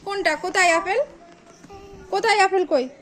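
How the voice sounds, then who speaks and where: A woman sits with a small child for a home reading lesson, her voice pitched very high and ringing bright. She repeats each prompt patiently, coaxing softly and then scolding playfully when the child stalls. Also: normal speed, faint music behind. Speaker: parent tutoring a small child.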